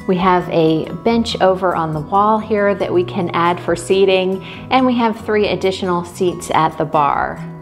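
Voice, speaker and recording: Woman, home tour voice-over, homey and unhurried, soft music underneath. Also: fairly low pitch. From Texas. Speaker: home vlogger. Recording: faint background music.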